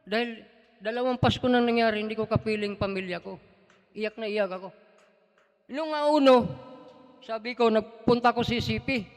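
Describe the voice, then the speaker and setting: A middle-aged Filipino man giving an emotional personal testimony in church, halting at times and rising as he praises God. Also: high voice. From Philippines. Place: large church hall. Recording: long hall reverb.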